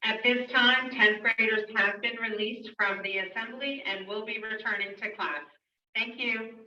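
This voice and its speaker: A woman making a brisk, polite formal announcement over a school intercom, heard through a loudspeaker in a classroom. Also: a little high, fairly even intonation, a little hiss or hum. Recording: echoey, distant, dull intercom speaker.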